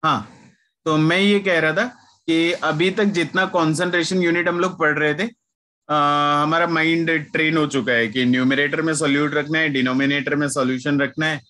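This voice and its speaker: A man's voice: fairly high pitch, fairly even intonation, normal speed, pushed and bright. A man teaching a chemistry class online, patiently repeating key points and mixing English terms into his talk. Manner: mixes Hindi with English terms; addresses students familiarly as "yaar" and "bachche".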